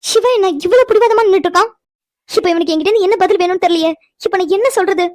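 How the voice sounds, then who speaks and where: A woman's voice: extremely high pitch, very fast, darkish tone. A woman voicing a sulky young woman in a cartoon who protests and stammers when cornered. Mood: flustered. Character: young woman Aishwarya, sulky and easily upset. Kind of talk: cartoon voice acting.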